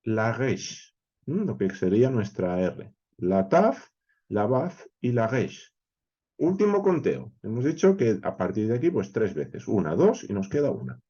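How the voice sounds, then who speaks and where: A man's voice: fairly low pitch, very animated, measured pace, warm tone, breathy edge, lo-fi sound. A man with an accent from Spain teaching a verse-by-verse Bible lesson, working through each step methodically and counting letters aloud, often checking in with his listeners.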